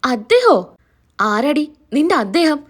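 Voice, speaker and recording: Lady doing an angry mom yelling at her girl, high pitched, snappy. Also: big pitch swings. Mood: angry scolding. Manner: harsh, scolding, rapid bursts. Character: furious middle-aged mother scolding her daughter.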